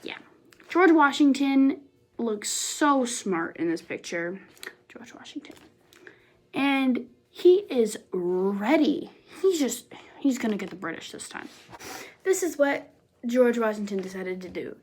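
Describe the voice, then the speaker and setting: A woman presenting a goofy homemade history explainer, playful and jokey, with slang asides and sudden jumps between loud bursts and near-whispers. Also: on the high side, animated, unhurried, low-quality recording.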